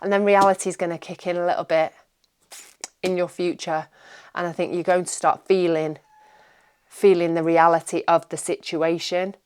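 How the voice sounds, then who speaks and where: A woman's voice: on the low side, little pitch movement, moderate pace, darkish tone, smooth. A woman giving a casual tarot reading, rambling and reassuring, often repeating her words. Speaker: tarot reader.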